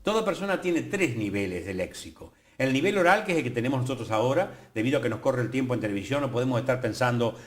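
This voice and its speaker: An older man with an Argentine accent explaining language on a TV studio program in a professorial, lively way with playful asides. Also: mid-range voice, quick pace, few pauses. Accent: Argentine Spanish. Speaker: guest, academy president. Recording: roomy studio echo.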